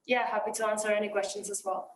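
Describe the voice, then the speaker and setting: A woman's voice: mid-range voice, little pitch movement, fast talker. A woman from the Dominican Republic, a first-year student, speaking shyly. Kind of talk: casual chat. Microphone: video call. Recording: distant, echoey, faint noise.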